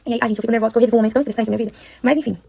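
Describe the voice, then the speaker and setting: A Brazilian woman talks at breakneck speed, her voice sitting a little high and sounding upset as she circles back over the same points. The sound is close and dry, with no room echo, as she vents to her followers from home. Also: steady tone, gravelly, dark tone, breathy edge. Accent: Brazilian Portuguese. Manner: upset, rapid, repeats herself for emphasis. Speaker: influencer talking to followers. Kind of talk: casual venting to camera. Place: at home, indoors.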